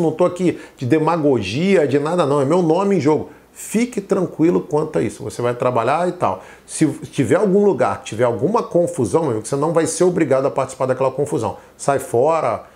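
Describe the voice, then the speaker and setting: A man's voice: on the high side, lively intonation, brisk, hardly any pauses, darkish tone. A middle-aged man with a Carioca accent, a tax auditor giving casual, emphatic advice to viewers and acting out their imagined questions. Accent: Carioca Brazilian Portuguese. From Rio de Janeiro. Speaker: tax auditor and exam-prep teacher.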